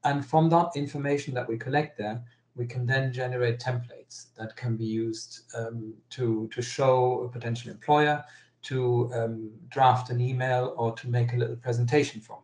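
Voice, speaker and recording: A man presents over a video call, and his voice comes through with a strange metallic tint. The audio is roomy and echoey, with an average pitch. He pauses often and fills the gaps with ums and restarts. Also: steady tone, a little mellow. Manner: hesitant, many ums and restarts. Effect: strange metallic sound over an online call. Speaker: webinar presenter. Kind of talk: online presentation.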